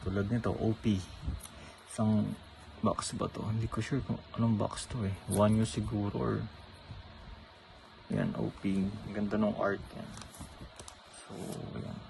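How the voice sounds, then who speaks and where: A man's voice: fairly low pitch, level tone, measured pace, pauses often. A man showing off his trading cards in a casual, chatty way, often checking in with the viewer. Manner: chatty, tags many sentences with "no?". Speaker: trading card vlogger. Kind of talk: casual card showcase. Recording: clear background noise.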